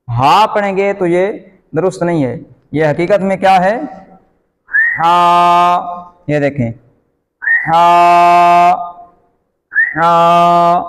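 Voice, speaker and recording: A man's voice: sits high, in a large hall. Patient Urdu-accented man teaching letters. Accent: Pakistani Urdu. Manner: patient, repeats letter sounds slowly and loudly. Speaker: Quran reading teacher. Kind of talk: slow explanatory lesson.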